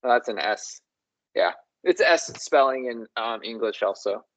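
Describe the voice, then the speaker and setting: A language show host who muses slowly and says words aloud to compare how they sound. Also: mid-range voice, expressive, a bit bright, dull audio. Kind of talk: slow, exploratory discussion of word sounds.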